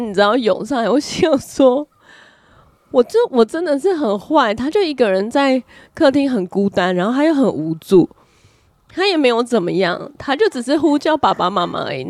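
A woman co-hosting a podcast, telling a personal story with lively energy and frequent laughter. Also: a little high, dry recording. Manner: lively storyteller, laughs often while talking. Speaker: podcast co-host. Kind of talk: casual chat, personal storytelling.

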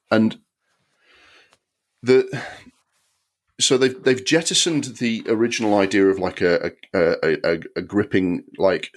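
A man hosting a film podcast, giving an animated, exasperated review with many ums and the odd swear word. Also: sits low.

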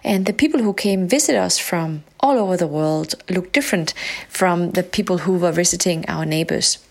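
Halting, gravelly-voiced woman telling her story. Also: on the low side. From Morocco and Denmark. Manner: halting, reflective, with fillers. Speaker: podcast guest storyteller. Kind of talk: personal storytelling.

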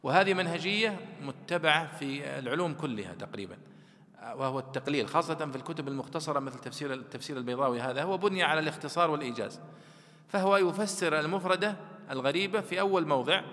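A man's voice: on the high side, animated, fast, fairly bright tone, big-room sound. A man teaching a class on Quran commentary, explaining words at length and reciting classical verses and poetry. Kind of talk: classroom lecture.

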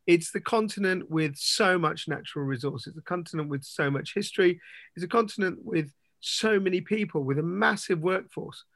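Chatty, slightly high-voiced male podcast host. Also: a bit bright, no echo. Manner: rambling, full of "sort of" and "you know". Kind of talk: conversational interview hosting.

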